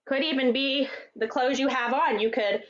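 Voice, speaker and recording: Woman, from Texas, music therapist, high voice, children's class, encouraging, slightly muffled computer mic. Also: moderate pace. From Texas, USA. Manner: encouraging, speaks directly to kids at home. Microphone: computer microphone.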